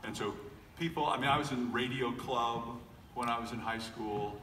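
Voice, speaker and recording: His mid-range voice is a bit bright and moves at a moderate pace as this middle-aged US voice actor riffs casually and self-deprecatingly on a convention panel, stumbling through fillers and restarts. Captured far off in a large hall, the audio echoes and has a little noise.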